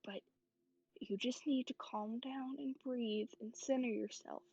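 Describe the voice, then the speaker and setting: A woman plays a protective, foul-mouthed companion with a fairly high voice. She is blunt and caring in turn. The audio is dry and a little dull, with no room sound. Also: a little slow, no room sound. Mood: comforting. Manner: swears bluntly then soothes.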